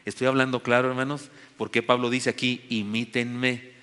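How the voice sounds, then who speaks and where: In a church sanctuary whose long reverb fills the recording, a Mexican-accented man preaches as pastor. His mid-range voice is fairly quick, fairly bright and clean, with little pitch movement, as he moves from an earnest story to emphatic exhortation.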